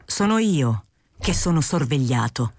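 A woman voicing an aging male journalist who is mild, polite and quietly insistent, in a literary audiobook. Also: low voice, sing-song, measured pace, a little hiss or hum, heavily acted.

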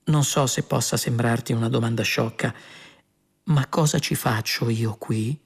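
A man voicing Arthur, a bewildered and anxious ordinary man, halting and slow, in an audiobook. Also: medium pitch, steady tone, vocal fry, breathy edge. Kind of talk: audiobook character voice.

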